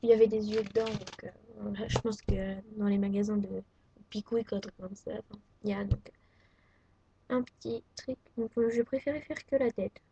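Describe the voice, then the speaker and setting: Teen girl craft vlogger from France, chatty and halting, soft lo-fi webcam recording. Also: medium pitch, steady tone, gravelly, a little hiss or hum. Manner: chatty and hesitant, many fillers. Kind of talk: casual show-and-tell. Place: at home, indoors. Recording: dull lo-fi webcam audio. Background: faint vacuum cleaner.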